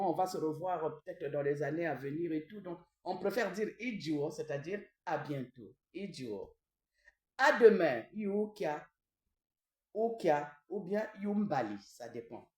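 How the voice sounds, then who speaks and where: A woman in the role of a traditional queen gives a language lesson. She repeats each word slowly and often tags her phrases with a questioning "hein?". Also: low-pitched, a little mellow. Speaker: traditional queen teaching vocabulary. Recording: echoey room, mic at a distance.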